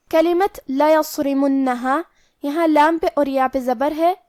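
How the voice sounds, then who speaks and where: A woman with a high voice explains recitation rules slowly and carefully, one point at a time. The recording is dry and close, with no room sound. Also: a little mellow, no room sound. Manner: slow, careful, step-by-step explanation of pronunciation rules. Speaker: Quran recitation teacher. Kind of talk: tajweed lesson.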